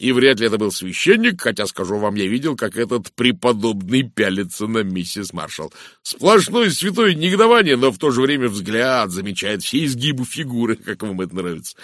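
A man reading an audiobook, voicing a loud, brash, vulgar middle-aged businessman who blusters and gossips. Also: medium pitch, dry recording, studio quality, pitched above the performer's own voice.

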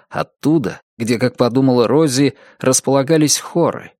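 A man reading a novel aloud as an audiobook narrator, in a measured, deliberate way. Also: mid-range voice, darkish tone, dry recording, studio quality. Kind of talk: scripted narration.

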